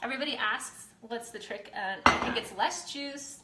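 Chatty giggly woman, kinda high voice, echoey kitchen with dishes clanking. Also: normal speed, heavy background noise. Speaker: co-host. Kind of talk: casual chat while mixing drinks.

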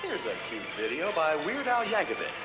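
An actor playing an urgent, over-the-top TV newsreader delivering a parody emergency bulletin. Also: male voice, on the high side, big pitch swings, a little fast. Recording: echoey television sound with music.

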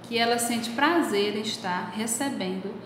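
A woman teacher talks young pupils through a lesson, unhurried and patient, and affectionate toward them. Her voice sits high. The recording rings with a long, roomy reverb and a faint hiss behind it. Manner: patient, explains step by step. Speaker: primary school teacher. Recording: very echoey room with long reverb.

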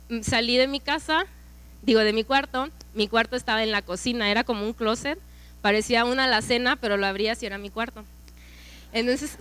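A woman's voice: a little high, fairly bright tone, clear, resonant tone. A young woman from Mexico with a Mexican accent, sharing a personal testimony at a church women's event, telling her story with lots of quoted dialogue. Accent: Mexican Spanish.

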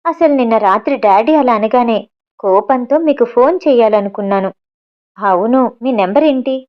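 A woman's voice: a little high, normal speed, dull audio, lightly acted. Woman reading a spirited, sulky young woman.

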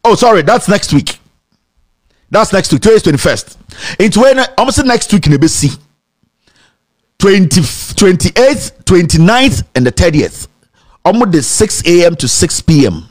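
On an indoor studio set, a young man with a Ghanaian accent hosts mocking commentary, mixing Twi into his English. His high-pitched voice keeps a normal speed with long pauses, and he stays animated and sarcastic, laughing and slipping into sing-song mockery.

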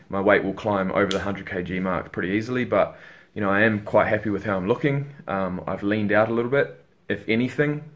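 Tired, rambling young man, low voice. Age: young adult. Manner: tired, rambling, swears casually. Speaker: fitness vlogger. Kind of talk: casual vlog chat. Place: bedroom at home, indoors.

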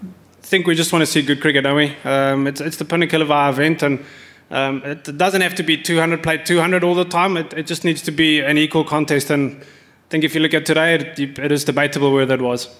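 Fast-talking man at a press conference. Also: a little high, fairly even intonation, a bit bright. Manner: measured, speaks in fillers and restarts. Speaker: cricket team coach. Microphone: table microphones.

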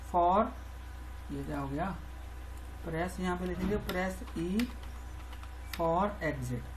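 A woman's voice: lowish voice, a little mellow, slight background noise, poor audio. A woman teaching programming over a screen recording, talking through each step as she types and often repeating her phrases. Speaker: programming tutor. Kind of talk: screen-recorded coding tutorial.

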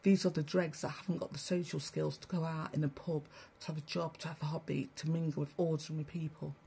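A woman's voice: sits low, little pitch movement, quick pace, gravelly, warm tone, a little hiss or hum. A woman giving a blunt, preachy spiritual monologue to listeners she calls family, swearing freely as she rants. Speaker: spiritual broadcaster. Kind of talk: ranting livestream monologue.

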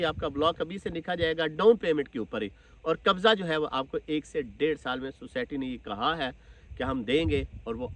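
A man in his thirties with a Pakistani Urdu accent, a real estate agent giving a brisk sales pitch while standing outdoors in an open field. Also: rough recording. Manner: brisk salesman patter, repeats "theek hai". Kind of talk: property site-visit presentation to camera. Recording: loud wind noise outdoors.

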